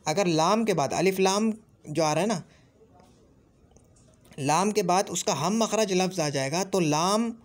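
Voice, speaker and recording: Man drilling Arabic letter sounds. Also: high-pitched. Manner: repeats sounds slowly and drills each letter. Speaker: Arabic grammar teacher. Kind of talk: classroom-style grammar lesson.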